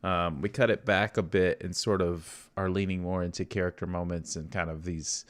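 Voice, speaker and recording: A man with a slightly low voice talks through his studio's film projects in a relaxed livestream. He is eager and upbeat and goes on at length. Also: moderate pace. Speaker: filmmaker and studio co-founder. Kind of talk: casual livestream chat.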